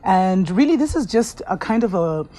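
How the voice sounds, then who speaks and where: A woman hosting her own show, giving earnest, unhurried spiritual encouragement to viewers with soft asides. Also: mid-range voice, very animated. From Kenya. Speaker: host.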